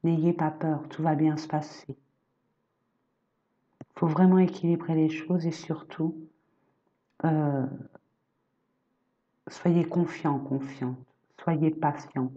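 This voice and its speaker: A low, mellow-voiced woman talks slowly and gently, reassuring her viewers during a spiritual horoscope reading. She is affectionate and calls them her friends. The sound is slightly muffled and lo-fi. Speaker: energy therapist and medium giving horoscope readings.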